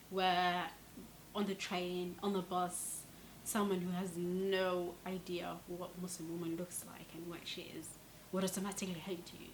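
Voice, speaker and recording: Low-voiced woman from Somalia, interviewed. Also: a little hiss or hum, rough recording. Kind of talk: documentary interview.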